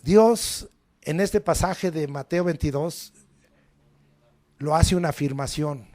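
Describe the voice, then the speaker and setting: A man's voice: on the high side, slow. A male preacher, telling dramatic stories in a sermon and acting out the people in them. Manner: dramatic storytelling, acts out voices, shouts at climaxes.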